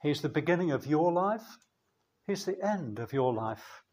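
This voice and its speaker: A man preaching a sermon in a church, slow and measured, with emphatic pauses. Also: fairly high pitch, animated, a little mellow.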